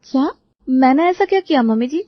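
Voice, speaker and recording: A woman voicing a calm, modern young daughter-in-law who speaks politely but firmly in a cartoon story. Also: high voice, brisk, dry recording, voice pushed up. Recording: dull lo-fi dry recording.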